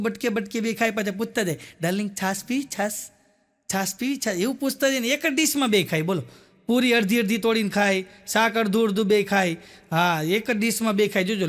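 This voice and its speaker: A man's voice: sits high, a bit bright. A man tells one comic story after another. He acts out the characters' lines and chuckles at his own punchlines. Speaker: comedian. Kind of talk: stand-up joke telling.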